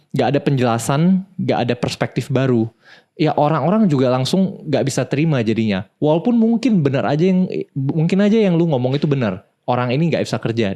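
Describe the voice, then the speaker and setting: A man's voice: medium pitch, darkish tone. A young man, hosting a talk show and explaining advice in a casual, direct way, calling the listener "bro". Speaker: podcast host.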